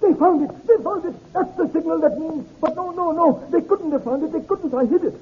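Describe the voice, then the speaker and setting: A man voicing a cringing, terrified stranger who pleads in a shrill, hysterical voice, in 1930s radio acting style. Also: a little fast. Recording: lo-fi old radio transcription.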